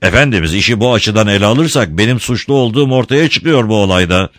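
A man's voice: lowish voice, animated, quick pace, dry recording, clean studio sound, voice pushed up, lightly acted. A man voicing a hot-tempered village priest who talks in an indignant, commanding way. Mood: angry.

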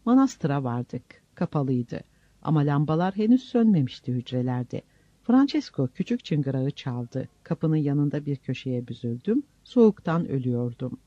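A man's voice: on the high side, big pitch swings, moderate pace, dark tone, dry recording. A man narrating a story in the first person, reading it expressively. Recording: dull lo-fi recording, dry.

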